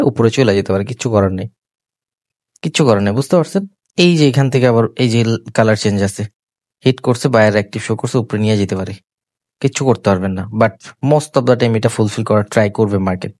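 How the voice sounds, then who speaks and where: A man's voice: on the low side, a little mellow, no room sound, studio quality. A young man giving live trading commentary over a chart, repeating himself and coaxing viewers as brothers. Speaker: trading channel host.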